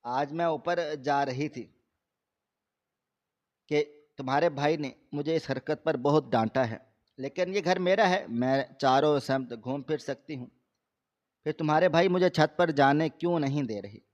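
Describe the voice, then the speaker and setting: Guy reading as a sweet new bride, soft coaxing voice, dullish recording. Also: a little high, close to an everyday voice. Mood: indignant. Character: gentle, worried young bride, newly married. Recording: slightly dull lo-fi recording.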